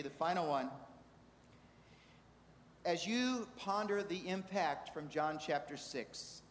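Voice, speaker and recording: A man preaching a sermon in a measured way, asking the congregation rhetorical questions. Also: on the high side, slight background noise. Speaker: pastor. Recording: reverberant hall with faint ambience.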